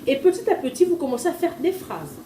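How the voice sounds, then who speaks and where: A woman's voice: high voice, sing-song, dark tone, slight background noise. Woman sounding out syllables, echoey room. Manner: sounds out letters and syllables slowly and deliberately. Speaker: parent teaching her child to read. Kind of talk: informal home tutorial. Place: at home with a small child nearby. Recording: echoey room, mic far off, faint ambience.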